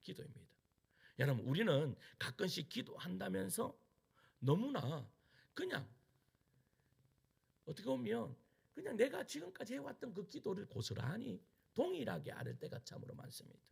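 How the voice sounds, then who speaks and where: A man's voice: high voice, sing-song, moderate pace, gravelly, pauses often, a little mellow, husky. A male pastor preaching a sermon, questioning the congregation with emphatic delivery.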